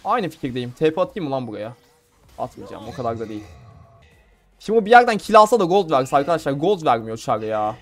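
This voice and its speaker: A man's voice: medium pitch, sing-song, a little fast, soft background music. A young man from Turkey giving casual, playful commentary on his own gameplay, laughing and talking to viewers. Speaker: gamer streamer.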